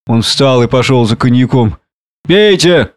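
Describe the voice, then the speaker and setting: A man narrating an audiobook in a measured storytelling manner. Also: mid-range voice, flat delivery, no echo, clean studio sound.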